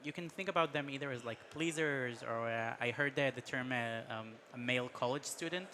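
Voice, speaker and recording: Bright-voiced man from Israel demoing. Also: medium pitch, a little hiss or hum. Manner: halting, many fillers and restarts. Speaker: startup guest demoing AI product. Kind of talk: casual explaining, product demo.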